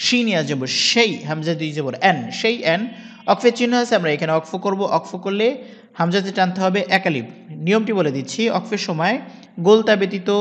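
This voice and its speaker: A man teaching Quran recitation, patiently spelling out each syllable and reciting verses slowly and drawn out. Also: high-pitched. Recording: long reverb.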